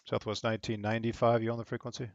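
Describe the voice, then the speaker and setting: Gravelly man doing air traffic control radio. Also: mid-range voice, completely flat delivery, racing, muffled recording. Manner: procedural phrasing, spelled-out digits and call signs. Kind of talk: air traffic control radio calls mixed with casual explanation.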